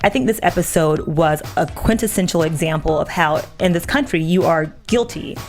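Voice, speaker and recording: A woman's voice: lowish voice, moderate pace. A woman working as a TV host, chatty and opinionated, moving between upbeat commentary and interviews. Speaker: TV host and red carpet reporter. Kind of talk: red carpet interviewing and upbeat panel commentary. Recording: music behind the voice. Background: music.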